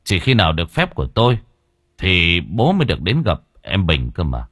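A man's voice: deep voice, huge pitch swings, moderate pace, fairly bright tone, husky, dry recording, clean studio sound, faint music behind, heavily acted. A man reading an audio story and voicing a smug wealthy man who talks down to his father-in-law. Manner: smug, condescending.

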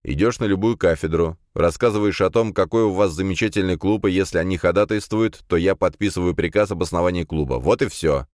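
A man's voice: deep voice, fairly quick, hardly any pauses, darkish tone, no echo, studio quality, voice pushed up, close to an everyday voice. A man voicing a curt, grumbling middle-aged university rector in an audiobook. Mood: irritated.

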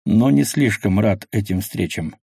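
A man voicing a weary, calm male survivor who speaks slowly and quietly. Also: on the low side, creaky, breathy edge, dry recording, studio quality, exaggerated voice. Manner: slow, subdued.

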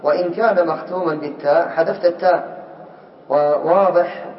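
A man teaching a class in a fairly high voice. He reads a text aloud slowly, then explains it and quizzes his students. The recording is dull and lo-fi, with a roomy echo. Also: fairly even intonation. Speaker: teacher of Arabic morphology.

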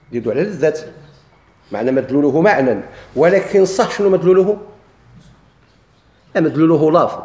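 A man with a Moroccan Arabic accent teaches grammar at a brisk, rapid clip. He keeps asking questions aloud and answering them himself. His fairly high voice has a mellow tone and rings in a roomy space. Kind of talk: grammar lesson.

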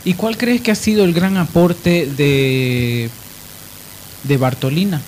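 Taking it slowly in a fairly high voice, a male radio talk host explains things didactically during a live discussion, repeating phrases for emphasis. Steady hiss runs under the noisy live radio recording.

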